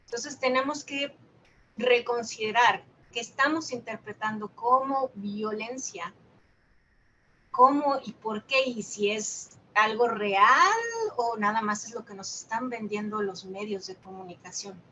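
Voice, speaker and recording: A woman with a Mexican Spanish accent speaks calmly and reflectively, teaching a meditation group and asking rhetorical questions. Her voice is bright, sits a little high, and has a faint hiss of background noise behind it. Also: unhurried, rough recording. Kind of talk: dharma talk with guided reflection.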